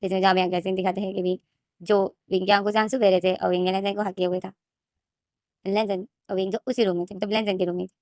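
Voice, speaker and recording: Fast-talking woman narrating a fan story. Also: mid-range voice, little pitch movement, a little mellow, no echo, clean studio sound. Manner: rapid and run-on, with many restarts.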